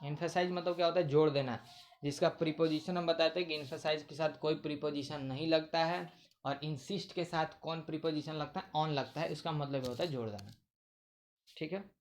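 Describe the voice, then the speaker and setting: A man's voice: on the high side, steady tone, brisk. Male tutor, casual lesson, asks and answers his own questions. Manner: repetitive, asks questions then answers them. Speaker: vocabulary teacher. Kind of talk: casual Hindi vocabulary lesson.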